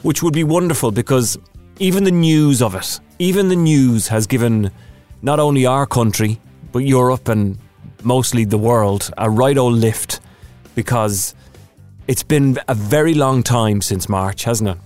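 A man's voice: medium pitch, unhurried, darkish tone, faint music behind. A man hosting a podcast, chatty and casual, with rambling asides. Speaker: podcast host. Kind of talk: casual chat.

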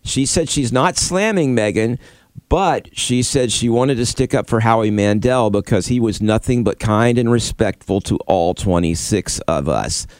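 A man's voice: mid-range voice, normal speed, a little mellow, no echo. A man co-hosting a radio show in casual banter, teasing with dry, wry humor.

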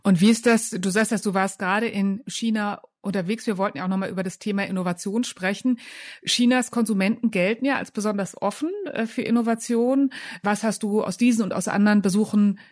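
A woman's voice: mid-range voice, fairly even intonation, a little fast, darkish tone. A woman interviewer asking long, winding questions in a business conversation.

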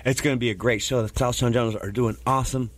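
A man's voice: medium pitch, fairly even intonation, very fast, no room sound. Male radio interviewer, Rasta-style speech, effusive and chatty, close dry studio sound. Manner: Rasta-style greetings, says "man" often; effusive, repeats words for emphasis. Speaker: radio show host. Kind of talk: upbeat radio interview chat.

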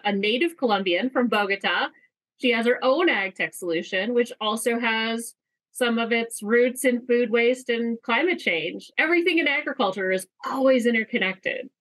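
Woman, podcast co-host, higher pitch, playful, conversational. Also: fairly bright tone, low-quality recording. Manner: playful, teasing. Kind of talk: casual podcast chat.

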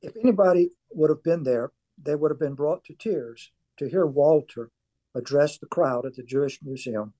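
Guesting on a radio interview, an older South Louisiana man with a Cajun accent recounts his story with earnest emphasis; he's an author who once lifted weights. His voice is a little high and warm, his pace moderate, and the audio quality poor.

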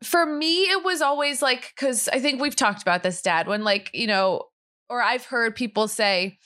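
A young woman with a high, bright voice talks earnestly in a casual chat. She works through her views aloud, full of fillers and restarts. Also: normal speed. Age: young adult. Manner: earnest, reasoning things through with many fillers.

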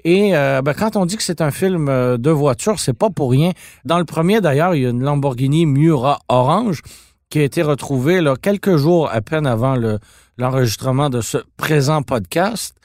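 A man with a Québécois French accent co-hosting a podcast, telling stories in a teasing, animated way. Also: fairly high pitch, moderate pace, no room sound, studio quality. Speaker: podcast co-host. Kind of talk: casual podcast chat about car films.

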